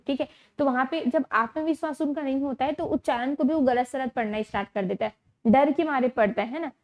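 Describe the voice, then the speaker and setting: The audio is dull as a high-voiced woman teacher lectures for exam prep. She goes over key terms slowly and uses rhetorical questions to check whether students follow.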